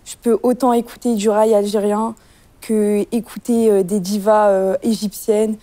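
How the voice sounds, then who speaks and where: A woman's voice: medium pitch, level tone, a little slow, warm tone, faint music behind. A woman of twenty from France, a history student, speaking emphatically and laughing easily in a group discussion. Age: 20s.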